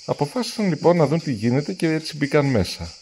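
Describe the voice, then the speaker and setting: A man reading a children's storybook aloud, lively and acting out the characters' lines. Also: fairly high pitch, a little hiss or hum. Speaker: storybook reader.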